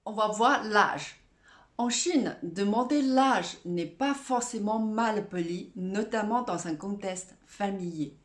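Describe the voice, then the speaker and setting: A woman with a mid-range voice gives a scripted language lesson, speaking deliberately and didactically as she slowly enunciates repeated example phrases. The recording is roomy, with her voice echoing.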